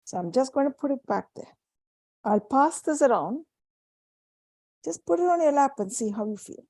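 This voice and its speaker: With a high-pitched, expressive voice at a normal speed, a woman psychiatrist with an Indian accent gives parents a practical workshop, demonstrating objects as she talks. The session goes out live to the room and Zoom, her tone is warm and hands-on, and there's no echo.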